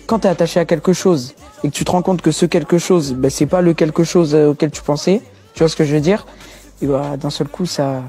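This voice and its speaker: A teenage rapper, talking in loose street slang during an interview. His voice sits a little high but sounds dark and mellow. He drops in constant "tu vois" asides and stacks repeated words for emphasis. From France. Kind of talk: casual interview talk.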